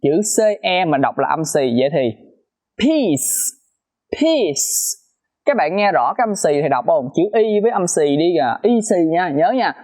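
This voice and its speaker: A man teaching a pronunciation lesson, repeating sounds slowly and emphatically to demonstrate them. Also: a little high, animated, a little mellow.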